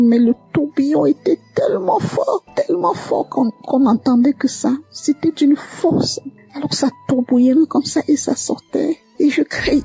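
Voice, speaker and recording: A woman telling her personal faith testimony, hesitant and halting, full of fillers and restarts. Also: fairly high pitch, vocal fry, breathy edge. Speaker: testimony caller. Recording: muffled lo-fi audio with soft music.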